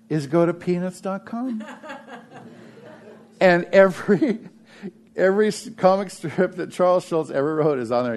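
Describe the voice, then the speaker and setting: A man's voice: fairly high pitch, a little mellow. A man preaching a sermon as pastor, telling stories in a chatty, joking way with lots of fillers.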